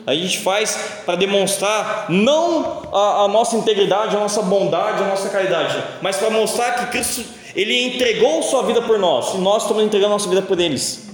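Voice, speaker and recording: A young man preaches a sermon in a high, light voice, telling stories in a loose and joking way. The sound bounces around a big church hall with a long reverb tail. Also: moderate pace, hardly any pauses. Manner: casual, joking storytelling in a sermon.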